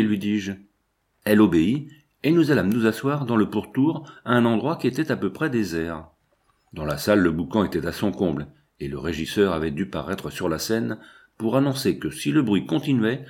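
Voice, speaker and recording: Low-voiced man narrating a novel. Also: expressive, normal speed, a little mellow. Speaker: audiobook narrator. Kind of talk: scripted first-person narration of a novel.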